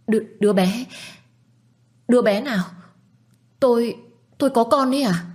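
A woman voices a young wife in a storybook who has just lost her unborn child. She sobs and pleads, her pitch climbing high, and her tone stays warm underneath. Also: moderate pace, close to an everyday voice. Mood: distraught. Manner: sobbing and pleading.

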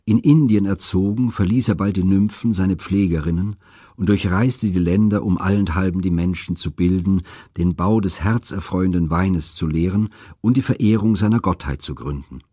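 A man narrating classical myths as an audiobook reader, with a steady, expressive delivery. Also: low-pitched, moderate pace, breathy edge, dry recording, studio quality.

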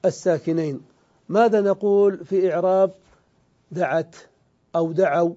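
Male grammar teacher, high-pitched and mellow, lecturing in a patient question-and-answer way, slightly dull recording. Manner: explains step by step, asking and answering his own questions; draws out example words slowly.

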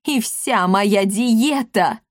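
A woman voicing a greedy, bossy old woman villain who screeches and shouts orders in a storybook reading. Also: mid-range voice, drawn-out words, dry recording, studio quality. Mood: angry.

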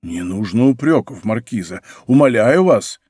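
An ardent nobleman, as a male reader voices him, pleading with passion in a mid-pitched voice. The sound is close and dry, straight from a studio microphone. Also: expressive, normal speed, warm tone, slightly rough, no room sound. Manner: pleading, impassioned. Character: ardent lovesick nobleman minister. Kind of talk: audiobook character reading.

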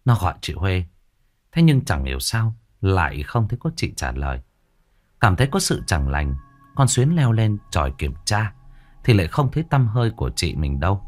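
A man narrating a ghost story in a dramatic, expressive way. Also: deep voice, moderate pace.

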